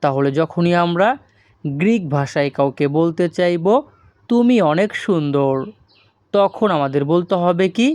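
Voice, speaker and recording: Language teacher, beginner lesson, very slow and deliberate, word-by-word repetition, dry close sound. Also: mid-range voice, a little mellow, no echo.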